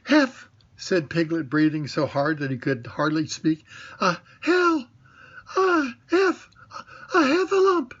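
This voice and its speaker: An older man voicing a tiny, timid young male piglet who squeaks and stammers breathlessly. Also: very animated, slow pace, fairly bright tone, breathy edge, heavily acted. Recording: dull lo-fi recording.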